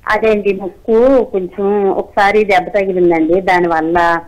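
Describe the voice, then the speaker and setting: A woman's voice: medium pitch, steady tone, normal speed, darkish tone, low-quality recording. A woman in her forties calling in to a health show, politely explaining her symptoms. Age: 40s. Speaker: caller. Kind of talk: describing symptoms on a phone call.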